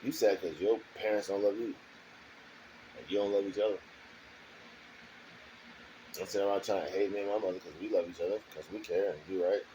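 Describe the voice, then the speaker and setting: A man's voice: low voice, fairly even intonation, fairly quick, pauses often, dark tone, a little hiss or hum, low-quality recording. A man talking alone in a garage in a rambling, defensive monologue, circling back to the same points and checking in with the listener again and again. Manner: defensive, repetitive, keeps asking "you know what I'm saying". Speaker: vlogger.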